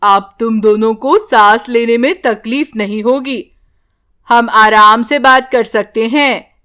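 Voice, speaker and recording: A woman voicing a magical male talking tree in an animated storybook, speaking slowly and gravely. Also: fairly high pitch. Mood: solemn. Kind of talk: storybook character voice.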